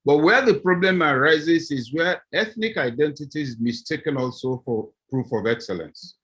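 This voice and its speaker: A middle-aged professor from southeast Nigeria speaks with a Nigerian accent on a video-call panel. His voice is fairly high with a breathy edge, and he argues at a normal speed, animated and acting out little scenes.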